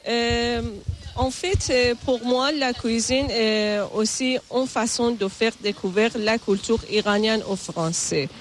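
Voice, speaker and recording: Slow, careful Iranian woman caterer. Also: a little high. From Iran. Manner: slow, careful, hesitant with fillers. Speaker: caterer interviewee.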